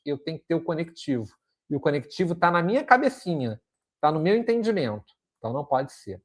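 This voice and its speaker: Didactic teacher quizzing his class. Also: high-pitched. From Brazil. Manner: didactic, checks in with frequent "ok?" and rhetorical questions. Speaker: Portuguese teacher. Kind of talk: exam-prep lesson.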